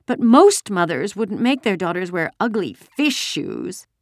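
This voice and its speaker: Woman acting stubborn little sister, high-pitched, sulky, emphatic wails, swooping, storybook dialogue. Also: animated, moderate pace, no room sound, studio quality. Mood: indignant. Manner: wailing, bellowing, emphatic. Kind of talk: acted children's audiobook dialogue.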